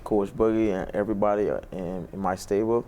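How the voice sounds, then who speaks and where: A man's voice: fairly low pitch, steady tone, fairly quick, mellow. A man from Barbados, a boxer answering interview questions in a laid-back way with short answers and fillers in a studio. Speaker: boxer guest.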